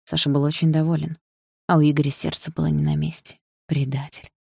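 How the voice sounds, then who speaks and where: An audiobook narrator reading scripted prose in a steady, gravelly voice. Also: mid-range voice, brisk, dry recording, studio quality.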